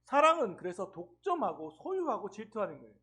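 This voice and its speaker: A middle-aged man preaching a sermon as pastor, telling stories and acting out quotes with lively emphasis. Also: high voice, brisk, breathy edge. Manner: storytelling with acted quotes, animated.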